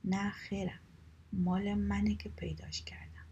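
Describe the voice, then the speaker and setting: Lady doing a smug little deer lady, teasing, low gravelly voice. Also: flat delivery, darkish tone, lo-fi sound, a little hiss or hum, natural voice. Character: cheeky female deer, smug taker.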